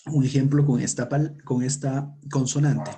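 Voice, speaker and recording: A man teaching a language lesson, saying each sound and word slowly and repeating it for learners to copy. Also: medium pitch, steady tone, mellow. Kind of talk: slow pronunciation lesson.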